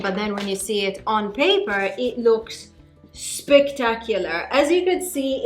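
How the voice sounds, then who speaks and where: A woman from Malta with a Maltese accent, chatting expressively and emphatically as a beauty vlogger giving a tutorial. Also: mid-range voice. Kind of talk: chatty hair-dye tutorial vlog. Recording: music behind the voice.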